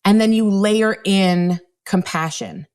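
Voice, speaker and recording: A woman's voice: medium pitch, slow pace, darkish tone, smooth. A middle-aged woman speaking as a communication coach on a podcast, blunt and playful, acting out quoted tones of voice. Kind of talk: casual interview talk.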